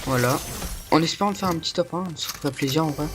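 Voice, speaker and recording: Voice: medium pitch, quick pace, over loud music. Lisping young gamer with slushy s. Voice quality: lisp, slushy s sounds. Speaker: gaming video creator. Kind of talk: casual live gameplay commentary. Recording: noisy home gaming recording.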